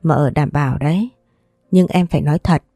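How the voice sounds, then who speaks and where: A woman's voice: sits low, moderate pace, no room sound, clean studio sound. A woman voicing a kind young mistress of a wealthy house, soothing and coaxing as she speaks. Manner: gentle, soothing, persuasive.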